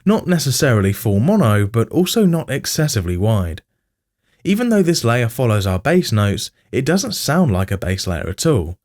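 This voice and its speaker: This man, a music production tutorial host, has a mid-range, slightly mellow voice with big pitch swings and a moderate pace. He reads scripted tutorial narration, walking the viewer through each step in informal language and speaking to them directly.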